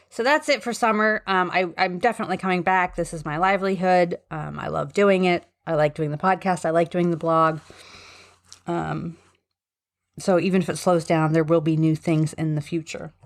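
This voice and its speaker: A middle-aged American woman chatting casually as a podcast host, rambling and hesitant, with a slight lisp from braces. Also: low voice. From suburban Philadelphia, US. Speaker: podcast host, special education advocate. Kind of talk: casual solo podcast talk.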